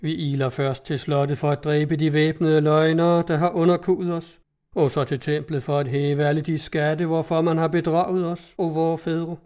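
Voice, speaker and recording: A proud outlaw chieftain rallying his band, as a male reader puts him on, slow and booming. His voice sits a touch high for a man. It comes from a storybook read aloud. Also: flat delivery, darkish tone, lightly acted. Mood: fierce. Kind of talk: storybook reading.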